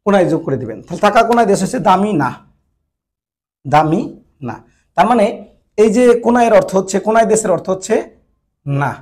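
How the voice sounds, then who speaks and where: A man's voice: sits high, a little mellow. A man teaching a grammar lesson, repeating each point and often checking that his listeners follow. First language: Bengali. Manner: repetitive, checks understanding often. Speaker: Japanese language teacher. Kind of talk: classroom-style grammar lesson.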